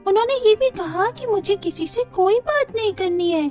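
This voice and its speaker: A man voicing a curious, chatty little girl in an animated story, high and piping. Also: moderate pace. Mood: puzzled. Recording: dull lo-fi with music.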